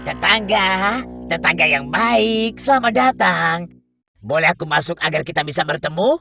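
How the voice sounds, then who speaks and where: A woman playing a sly, menacing big bad wolf in a children's cartoon fairy tale, with a gravelly, wolfish voice, coaxing and threatening. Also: fairly low pitch, lively intonation, normal speed, sharp tone, faint music behind, exaggerated voice. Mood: falsely sweet, coaxing.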